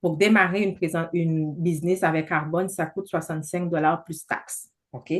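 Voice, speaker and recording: A woman in her thirties talks a group through a business presentation on a video call. Her voice sits a little low for a woman. She is chatty and persuasive and fills her sentences with hesitations. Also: fairly even intonation, normal speed. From not from Canada. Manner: chatty, many fillers, persuasive.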